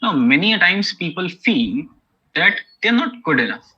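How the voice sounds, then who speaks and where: A man with an Indian English accent explains an academic topic step by step, repeatedly checking understanding with "okay?" and "you know." He sounds husky and very animated, his voice sitting high at a normal speed, and the recording is dull lo-fi.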